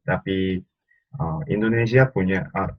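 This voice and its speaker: A man with a Korean accent talks casually in a low voice. A native Korean speaker, he feels his way haltingly through a second language on a dull recording. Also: no room sound. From South Korea. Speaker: guest. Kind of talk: casual discussion.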